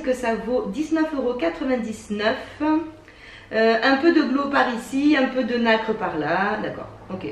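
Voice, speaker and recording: A woman's voice: on the high side, far from the mic. Chatty woman reviewing beauty products, roomy sound. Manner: chatty, enthusiastic, hesitant with many fillers. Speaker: beauty box unboxing vlogger. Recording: roomy sound from a mic set back, faint hiss.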